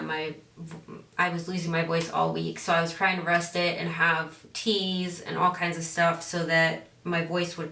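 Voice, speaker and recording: Speaking with a lowish voice, vocal fry and a sharp tone, a woman does her makeup while chatting casually in a tutorial, frequently drifting off topic and returning to it. The distant mic picks up a roomy echo.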